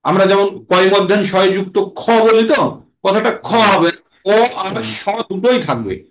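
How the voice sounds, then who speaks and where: Man, recitation teacher, high voice, slow chanted verses with explanations, faint background noise. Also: reverberant. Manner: chants verses slowly, then explains pronunciation. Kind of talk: patient recitation lesson.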